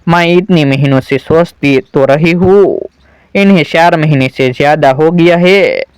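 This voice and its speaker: A man's voice: on the high side, measured pace, clear, resonant tone, dry recording, close to an everyday voice. A man voicing a hurt but firm young daughter-in-law in a spoken story, reading her lines plainly. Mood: pleading. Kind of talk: storybook narration.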